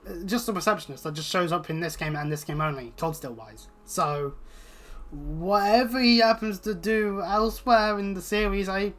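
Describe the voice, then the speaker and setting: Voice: medium pitch, moderate pace, a bit bright. Rambling, sweary British video game commentator. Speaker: video game let's player. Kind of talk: casual gameplay commentary. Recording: game music behind the voice. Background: video game music.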